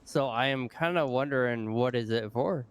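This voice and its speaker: A man in a casual roleplay, speaking in a steady, plain-spoken way. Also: medium pitch, normal speed, a little hiss or hum. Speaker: roleplay player as an officer.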